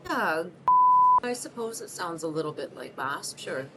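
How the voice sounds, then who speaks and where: A short film's interviewee, a 38-year-old single mother who speaks softly and feels self-conscious, is acted by a woman in her thirties from Mexico City. Her voice is low-pitched and expressive as she gives halting, um-filled, often restarted replies to unheard questions in a scripted monologue. The recording has a noticeable background hiss.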